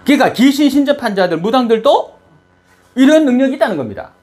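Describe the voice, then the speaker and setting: A man preaching a sermon in an animated way, jumping from loud high bursts to low murmurs and quizzing the congregation. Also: quick pace, soft background music. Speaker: pastor.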